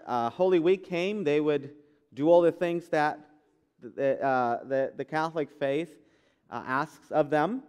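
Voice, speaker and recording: Pastor, smooth clear voice. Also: male voice, on the high side. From Guatemala. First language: Spanish. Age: 30s. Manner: conversational, frequent fillers and restarts. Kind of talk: sermon testimony. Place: church sanctuary.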